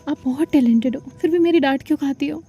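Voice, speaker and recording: A woman's voice: high-pitched, quick pace, dark tone. Woman voicing a teasing, caring teacher. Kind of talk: storytelling dialogue.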